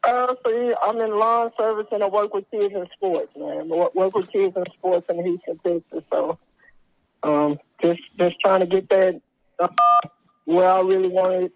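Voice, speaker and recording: A man's voice: high-pitched, moderate pace. A man calling in to a podcast, heard through a phone held up to the mic, talking casually and a little hesitantly. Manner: casual, relaxed, slightly hesitant speech. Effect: phone call heard through a phone held up to the mic. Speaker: podcast caller. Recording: muffled, dull phone sound, dry.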